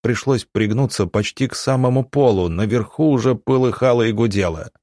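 A man narrating an audiobook in a measured, dramatic reading. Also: medium pitch, warm tone, dry recording, clean studio sound.

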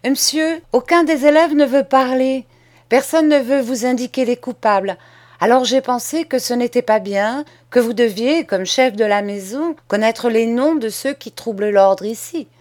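Brief: woman reading as a calm, defiant boy, high and firm, storybook audiobook. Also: normal speed, natural voice. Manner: polite, firm and unyielding. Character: bold, calm, defiant young schoolboy.

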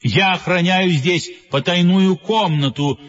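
A man's voice: sits high, unhurried, a bit bright, muffled recording, pitched above the performer's own voice. A man voicing the quarrelsome, boastful heads of a seven-headed monster in an audio storybook, growling and menacing. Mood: squabbling.

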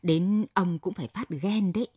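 A woman's voice: fairly low pitch, moderate pace, dark tone, slightly rough, dry recording, clean studio sound. A woman voicing a cheeky, talkative young village woman who chatters in a gushing rush. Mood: chatty.

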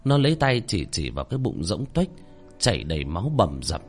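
A man telling a first-person horror story in a dramatic, expressive way, pleading when he speaks as himself. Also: deep voice, fairly quick, faint music behind.

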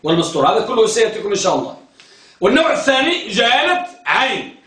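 Speaking very fast in a high, sing-song, fairly bright voice, a hadith terminology teacher lectures his class, quizzing students and repeating key terms. He often urges them to focus, and the recording is roomy and somewhat distant.

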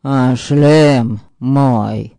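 A male narrator voicing a gruff, sullen man who grumbles in a deadpan way. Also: mid-range voice, slow, no room sound, studio quality.

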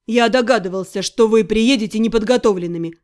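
A woman doing a calm, tender young necromancer man. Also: on the high side, voice pushed down, close to an everyday voice. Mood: tender, earnest. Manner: quiet, measured, sincere. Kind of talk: audiobook character voice.

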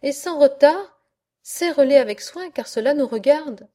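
An excitable young country girl from a storybook, full of little cries and exclamations, as a woman reader puts her on. The voice sits fairly high, with a soft, mellow tone and an unhurried reading pace. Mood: excited.

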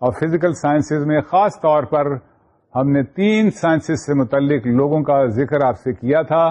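A man's voice: a little high, warm tone. A man with a Pakistani accent giving a recorded university lecture, teaching patiently and repeating key points while mixing English terms into his talk. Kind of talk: recorded distance-learning lecture.

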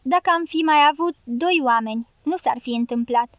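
Bossy, cursing guerrilla matriarch for an audiobook, high and dry, read by a woman narrator. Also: no echo, lo-fi sound, lightly acted. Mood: commanding. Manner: commanding, swearing. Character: fierce foul-mouthed middle-aged female guerrilla leader. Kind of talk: audiobook character reading.

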